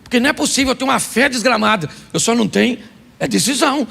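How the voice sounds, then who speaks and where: A man preaching a humorous sermon as a pastor, animated, firing rhetorical questions at the congregation and slipping in comic asides. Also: extremely high pitch, very fast, gravelly, slightly rough.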